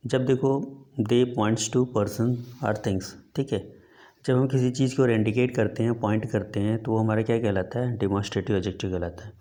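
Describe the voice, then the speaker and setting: A man with an Indian accent and a fairly low voice teaches a grammar class. His throat is sore, and he reads each English example slowly before explaining it in Hindi, with frequent fillers between points. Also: fairly even intonation, dark tone. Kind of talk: grammar lesson explaining slides.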